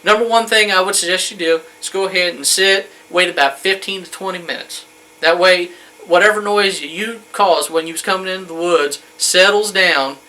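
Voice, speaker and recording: In a low-quality recording from a wood-panelled room, a man in his thirties speaks at normal speed with a high-pitched, bright, forceful voice. He's a hunting instructor giving a rambling, folksy, colloquial how-to talk.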